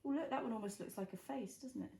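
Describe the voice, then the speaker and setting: Higher-voiced woman reading to a young child. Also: fast, mellow. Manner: encouraging, asks the child tag questions. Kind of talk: reading a picture book aloud to a young child, with chatty asides. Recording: roomy echo, clear background noise and clicks.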